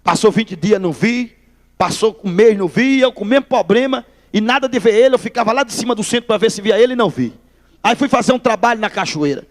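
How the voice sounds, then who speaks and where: A man preaching his testimony in a church hall, telling a lively story and calling listeners brother. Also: high voice, fast talker.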